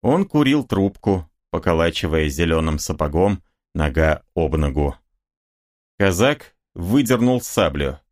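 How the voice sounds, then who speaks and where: A man reading a historical novel aloud as narrator, measured and expressive. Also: deep voice. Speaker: audiobook reader. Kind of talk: literary narration.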